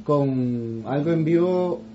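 A man co-hosting a radio show, relaxed and sending out listener greetings. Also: on the high side, slow pace, a crowd in the background. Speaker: radio co-host. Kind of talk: casual radio banter. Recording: lo-fi radio broadcast.

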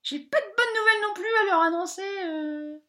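A very high-pitched, bright voice of a scatterbrained female bank adviser, played by a woman. She rambles on in a comic monologue, hesitant and full of filler sounds, lonely under her chatter. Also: normal speed. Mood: apologetic, lonely.

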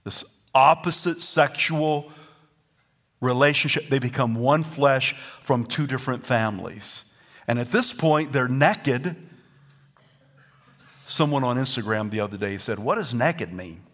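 Preaching at a slightly slow pace and medium pitch, this Southern US pastor delivers an animated sermon that sometimes swells almost to shouting and into singing.

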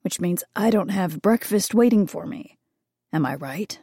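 A woman voicing a controlling, menacing adult male husband who speaks low and quietly with a threatening edge. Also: expressive, measured pace, breathy edge, no room sound, studio quality, heavily acted. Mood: cold.

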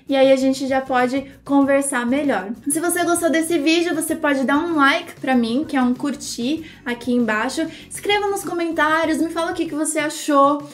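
A Brazilian woman with a Brazilian Portuguese accent hosting an English pronunciation lesson, slowly drawing out model words for students to repeat. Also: high voice. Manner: slow, drawn-out model words for repetition. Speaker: English teacher and channel host.

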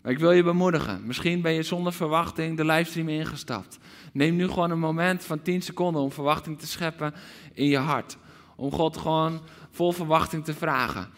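A man preaching a livestreamed sermon, emphatic, swinging from loud exclamations to hushed asides. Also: fairly high pitch, brisk, big-room sound.

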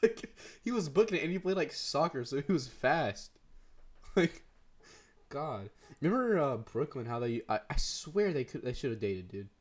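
A man's voice: medium pitch, very animated, moderate pace. A teenage boy co-hosting a podcast, telling rambling stories with lots of laughs and "dude". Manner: rambling, laughs often, says dude a lot. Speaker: podcast co-host. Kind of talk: casual chat.

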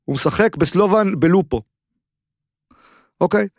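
A male sports journalist, a guest in casual conversation, with a voice pitched slightly high. He explains emphatically, repeats his points and builds hypothetical scenarios. The recording is dry and close. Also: lively intonation, no room sound. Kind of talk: casual chat.

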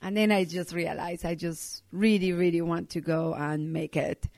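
A woman's voice: fairly low pitch, steady tone, normal speed, gravelly, darkish tone, dry recording. A middle-aged woman from Colombia, a native Spanish speaker, talking earnestly as an interview guest, with many ums and uhs. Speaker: winemaker guest. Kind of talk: casual interview talk.

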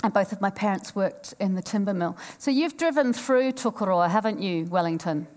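A woman's voice: medium pitch, lively intonation, fairly quick, darkish tone. A woman in her fifties from New Zealand, giving a frank, playful personal storytelling talk on stage and joking with a live audience. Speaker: speaker at a live event.

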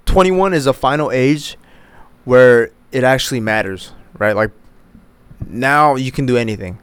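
Young man chatting, smooth dry voice. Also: mid-range voice, measured pace, no echo. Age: 20s. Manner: rambling, profane, many fillers. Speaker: podcast host. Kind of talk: casual solo chat.

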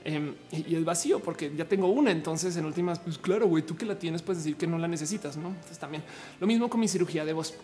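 A woman with a Mexican Spanish accent and a low, androgynous voice, chatting casually with viewers in a slangy, rambling way full of fillers. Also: quick pace, warm tone, soft background music. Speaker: streamer answering viewer comments. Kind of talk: casual chat.

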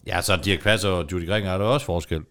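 A man's voice: deep voice, fairly even intonation, fairly bright tone, clear, resonant tone. A man chatting casually while watching an old film, matter-of-factly recalling actors and dates. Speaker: film commentator.

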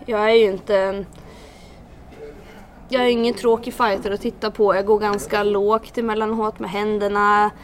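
A young woman talks through her story as a podcast guest, chatty and animated, with plenty of fillers along the way. Her voice sits at an ordinary middle pitch for a woman. She sounds relaxed and easygoing throughout. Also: a little hiss or hum. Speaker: MMA fighter guest. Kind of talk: casual podcast interview.

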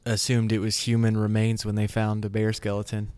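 A man's voice: lowish voice, completely flat delivery, a little fast, darkish tone, clean tone, dry recording. A middle-aged man co-hosting a podcast, chatting casually with dry, wry humor. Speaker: podcast co-host. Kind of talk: casual chat.

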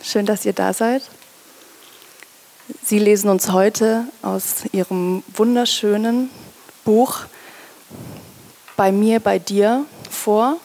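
A woman moderating a book reading in a museum, introducing the two authors in a friendly, slightly halting way. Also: medium pitch, steady tone, mellow. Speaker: event moderator. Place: museum event space.

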